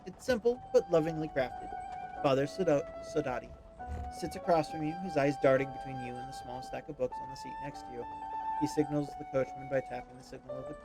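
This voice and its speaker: A man streaming himself as he reads a story game aloud, expressive but with small slips. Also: mid-range voice, fairly quick. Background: game music.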